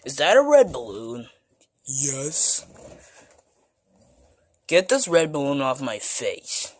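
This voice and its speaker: A woman voicing a quiet, hesitant character with a low, soft voice, in a homemade toy play. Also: very animated, slow pace, full character voice. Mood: calm.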